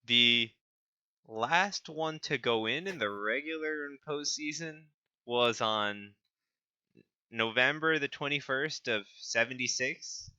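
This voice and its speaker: A man's voice: medium pitch, slow, sharp tone, clean tone, lo-fi sound. A young man co-hosting a casual sports podcast, reading stats with small stumbles and laughs. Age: young adult. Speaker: podcast co-host.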